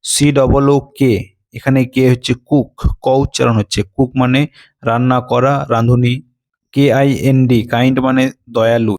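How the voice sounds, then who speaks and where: A man's voice: mid-range voice, level tone, normal speed, a little mellow. A man teaching a scripted phonics lesson, spelling out words letter by letter and giving their meanings.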